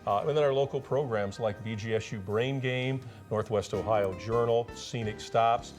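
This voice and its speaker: A man's voice: medium pitch, moderate pace, a little mellow, soft background music. A man hosting a public television pledge break, genial and self-deprecating. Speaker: pledge drive host. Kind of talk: fundraising talk. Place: TV studio kitchen set.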